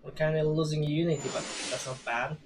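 Against a noisy background, a man in his thirties casually commentates a strategy game while streaming from a gaming chair at home. He speaks fairly quickly in a fairly high, fairly even voice, rambling chattily, laughing often, and making fun of himself in this let's play.

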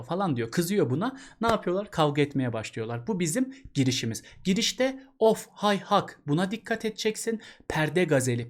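This exam-prep literature teacher talks in a chatty way, his voice a little high; he poses rhetorical questions and addresses the student as a pal.

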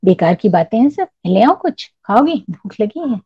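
A woman's voice: mid-range voice, sing-song, normal speed, husky. A woman reading a shy earnest young man. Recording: dull lo-fi recording.

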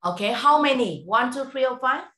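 A woman teaching English over a video call, giving a speaking test and prompting slowly and clearly with encouragement. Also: sits high, animated, bright, forceful tone. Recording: roomy echo.

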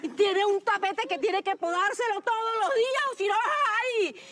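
An actress playing a bossy, hot-tempered bank manager with a Colombian accent who shouts and scolds. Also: female voice, very high-pitched, moderate pace, very noisy. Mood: furious. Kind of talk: comedy film acting.

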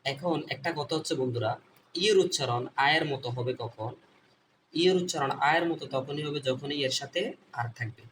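A man's voice: mid-range voice, a little fast, a bit bright, distant mic. A man with a Bangladeshi Bengali accent teaching an online phonics lesson, repeating each point and asking and answering his own questions. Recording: voice a bit off-mic, faint background noise.

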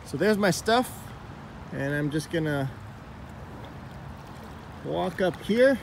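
A man in his thirties talks straight to a handheld camera at arm's length, upbeat and explanatory as he teaches a fishing technique. His voice sits fairly high for a man. Faint outdoor stream noise runs behind him by a wooded creek. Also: lively intonation, takes it slowly, creaky. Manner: upbeat, explanatory, talking to camera while walking. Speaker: fishing vlogger host. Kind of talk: outdoor fishing tutorial vlog. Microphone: phone or camera at arm's length.

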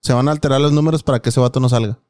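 A man's voice: mid-range voice, steady tone, darkish tone, dry recording. Young Mexican man, dry close podcast voice. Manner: laid-back, quick agreement fillers. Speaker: podcast co-host. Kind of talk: casual chat.

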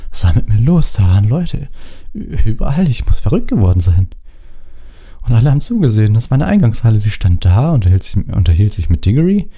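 A man's voice: fairly low pitch, big pitch swings, a little fast, warm tone, husky, pitched above the performer's own voice, heavily acted. A man voicing a mortified, panicked teenage boy who rambles breathlessly.

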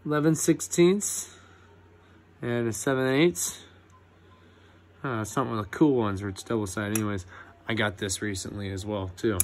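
Laid-back young man, low voice, heavy swearing. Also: normal speed, slight background noise. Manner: laid-back, swears a lot, many ums. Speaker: electrician apprentice. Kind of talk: casual tool review vlog.

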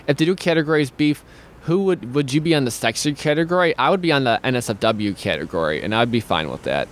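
Reading viewer comments on his streaming talk show, a young man chats casually as if on a video call, rambling and restarting often. He broadcasts from a small home studio with a headset and studio mic, and his mid-range voice is expressive and fast.

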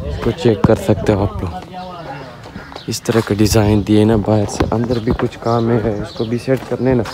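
A young man in his twenties chatting casually to his viewers while he gives a tour of a house and yard. He keeps tagging "na" onto his sentences as he points things out. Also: mid-range voice. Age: 20s. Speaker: vlogger. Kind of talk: casual home-tour vlog. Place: outdoors on a rooftop and a village yard. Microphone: phone held at arm's length. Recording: outdoor background noise with birds.

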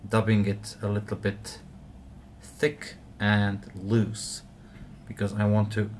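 Low-voiced man explaining fly tying. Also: slow pace, a little hiss or hum. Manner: relaxed, explanatory, frequent uh fillers. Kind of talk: step-by-step tutorial narration.

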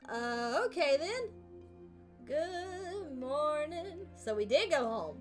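Female streamer with a high voice, casual play-by-play, thinks aloud, soft game music underneath. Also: big pitch swings, a little slow. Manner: chatty, thinking aloud, self-deprecating. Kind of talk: casual gameplay commentary.

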